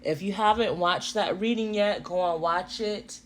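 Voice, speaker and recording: A woman doing a spiritual card reading for her viewers, affirming and animated, often checking in with "okay?" and yawning now and then. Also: mid-range voice, unhurried, a little hiss or hum. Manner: animated, affirming, frequent "okay?" tag questions. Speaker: tarot and oracle card reader.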